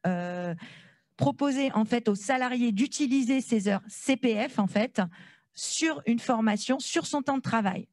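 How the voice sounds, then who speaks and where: A woman's voice: fairly high pitch, a little mellow, no echo, clean studio sound. A woman speaking through a face mask into a handheld microphone, giving an informal explanatory presentation with some hesitant rephrasing. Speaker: presenter at a conference. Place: conference room with a small panel on stage. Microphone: handheld microphone held close to the mask.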